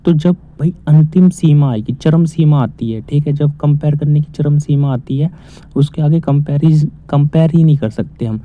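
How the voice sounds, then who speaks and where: A man teaching grammar, asking questions and then answering them himself. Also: a little high. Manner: explains step by step, asks and answers own questions. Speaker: English teacher. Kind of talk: casual spoken lesson. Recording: tinny phone-like audio.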